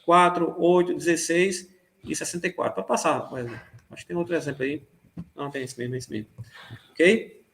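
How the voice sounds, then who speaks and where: A man teaching a music class online, explaining rhythm with many pauses, fillers and checks for understanding. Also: on the high side, fairly bright tone, a little hiss or hum.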